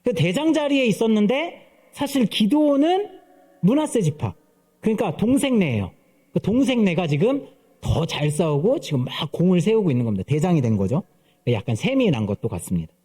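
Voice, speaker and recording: A man's voice: high voice, very animated, a little fast, dark tone, husky. A man in his thirties preaching a sermon at church, telling stories and playfully mimicking voices. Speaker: pastor. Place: church sanctuary.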